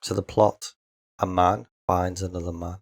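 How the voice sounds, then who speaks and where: A man with a gravelly voice running a quiz in a podcast, answering in a terse, deadpan way. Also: low voice, normal speed, no room sound, clean studio sound. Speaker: podcast co-host, quizmaster. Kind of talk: casual chat.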